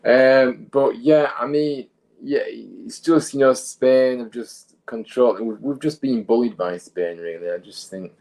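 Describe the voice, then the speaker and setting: A man's voice: medium pitch, a little slow, gravelly, a little mellow, rough recording. A man as a guest pundit on a football watchalong, talking the match over in a hesitant way. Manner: hesitant, searches for words. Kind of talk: casual football analysis.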